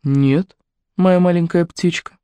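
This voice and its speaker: A woman's voice: on the low side, steady tone, slow pace, clear, resonant tone, no echo, pitched above the performer's own voice. A woman reading as a honeyed, menacing stepfather. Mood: wheedling. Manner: wheedling, honeyed voice turning to threatening shouts. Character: abusive middle-aged stepfather, honeyed then menacing.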